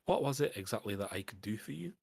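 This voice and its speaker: A man voicing a stingy, gruff male merchant with a Scottish accent that drifts toward Irish. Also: lowish voice, expressive, fast talker, darkish tone, no room sound, clean studio sound, full character voice. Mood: scheming.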